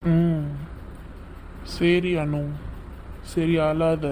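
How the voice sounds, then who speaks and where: Man acting as a reassuring doctor, home-made skit, patient explainer, slightly high voice, mellow tone. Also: level tone, drawn-out words, slight background noise, poor audio. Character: calm reassuring male doctor, adult.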